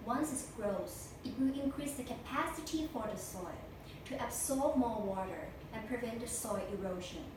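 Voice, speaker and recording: A woman's voice: fairly high pitch, lively intonation, moderate pace. Distant, rehearsed young woman speechmaker. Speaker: speech contestant. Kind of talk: memorized competition speech. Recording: echo-heavy room, distant mic, noisy.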